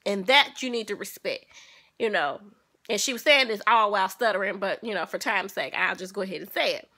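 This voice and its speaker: A woman vlogger telling a personal story to her viewers in an animated, sassy way. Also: mid-range voice, brisk. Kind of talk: casual storytelling.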